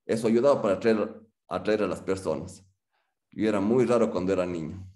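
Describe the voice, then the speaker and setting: A man in his late thirties tells a personal story with humor, acting out the quotes of others. His voice is low and dark. It rings in a roomy, echoing space. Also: fairly quick. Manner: humorous, animated, acts out quotes.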